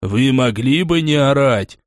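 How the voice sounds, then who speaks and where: An irritable head of a three-headed storybook dragon, as a man puts it on. It drags out its words in a fussy, complaining tone. The voice sits at a middle pitch in a dry recording. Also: expressive, measured pace, no room sound, close to an everyday voice. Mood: irritated. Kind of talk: audiobook character voice.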